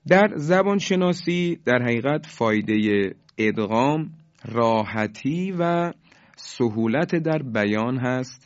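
A man teaching Quran recitation on the radio, explaining each rule and slowing down to model the recited examples. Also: mid-range voice, no room sound, dull audio.

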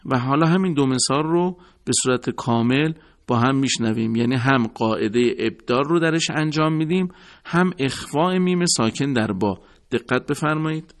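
Man calmly teaching recitation rules. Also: mid-range voice. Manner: measured, formal, repeats key rules. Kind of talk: recorded tajwid lesson.

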